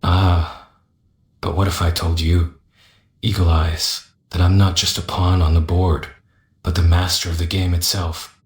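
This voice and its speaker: A man voicing a scheming, mocking mercenary companion in a fantasy game, sardonic and condescending, with drawn-out taunts. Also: sits low, flat delivery, roomy sound. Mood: smug menace.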